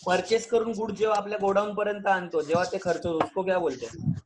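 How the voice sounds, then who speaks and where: High-voiced man teaching accounts online. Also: steady tone, quick pace, heavy background noise. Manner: switches between Hindi, Marathi and English, questions students often. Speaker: commerce teacher.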